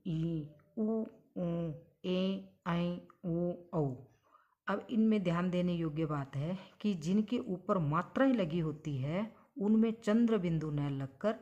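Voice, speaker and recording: A woman's voice: on the low side, a little mellow, lo-fi sound. A woman teaching Hindi grammar, spelling out sounds one at a time and stretching each example word. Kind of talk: slow explanatory grammar lesson.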